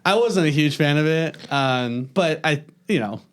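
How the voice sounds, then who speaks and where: A man co-hosting a podcast in casual chat, halting and hesitant. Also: a little high, animated. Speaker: podcast co-host.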